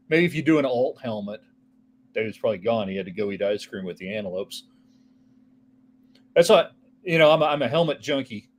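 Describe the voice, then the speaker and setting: Hosting a casual solo sports talk show, a man with a medium-pitched, slightly mellow voice rambles offhandedly from one topic to the next and answers texts from viewers.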